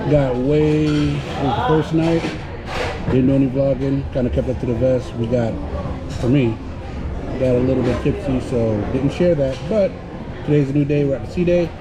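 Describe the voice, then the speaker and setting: A man chatting informally to his viewers as a travel vlogger, halting and speaking in short phrases. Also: medium pitch, steady tone, a loud crowd. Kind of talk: casual vlog chat to viewers. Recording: very noisy on-location vlog audio.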